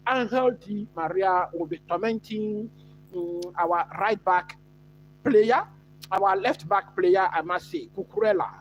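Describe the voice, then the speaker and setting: A chatty Ghanaian man with a high-pitched voice hosts a football watch-along live stream, answering the live chat with many fillers. The audio is dull, with a little hiss or hum.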